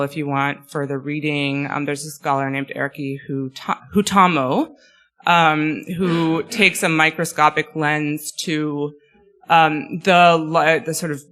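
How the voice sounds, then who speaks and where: A woman giving an academic talk, losing her voice and clearing her throat, with many ums and a chatty, self-deprecating manner. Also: low voice, bright, forceful tone. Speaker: guest speaker.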